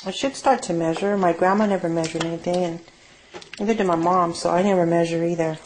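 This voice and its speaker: In her kitchen, a woman home cook gives a casual, rambling cooking demo with no script. Her voice is lowish and quick, with fairly even intonation. A handheld camera mic picks her up, giving noisy amateur audio with clicks.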